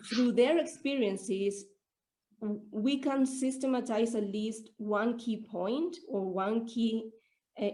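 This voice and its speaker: On a low-quality recording, a woman with a warm, fairly high voice puts her questions to an online Q&A. Her English, not her native language, comes out haltingly as she gropes for words.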